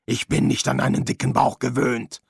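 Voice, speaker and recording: An actor playing Death, a solemn skeletal figure, in a radio play, with a slow, grave, husky voice. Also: male voice, medium pitch, little pitch movement, no room sound. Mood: stiff. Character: Death, a skeletal solemn male being posing as Hogfather. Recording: dry studio recording.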